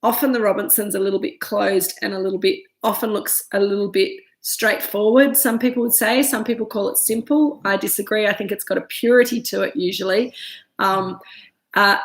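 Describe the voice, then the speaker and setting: This Australian woman in her thirties is a winemaker running a live-stream tasting, reading viewer comments aloud as she chats. A cold leaves her stuffy, her gravelly voice sits a little high, and she keeps stopping with ums and restarts. The winery room around her echoes noticeably.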